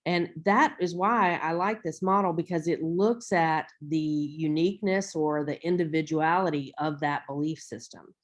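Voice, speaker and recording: A woman's voice: low-pitched, normal speed, hardly any pauses. An American woman giving an informal online lecture in a rambling, conversational way, often interrupting herself with asides. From United States.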